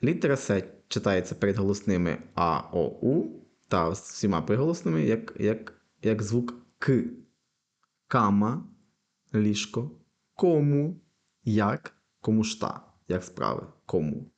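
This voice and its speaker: A young man teaching a language lesson, patiently explaining and slowly repeating example words. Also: lowish voice, big pitch swings.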